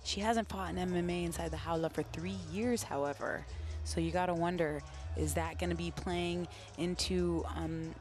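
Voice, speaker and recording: A woman's voice: fairly low pitch, fairly even intonation, normal speed, a little mellow. Female fight analyst with music behind. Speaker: color commentator. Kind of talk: conversational live fight analysis.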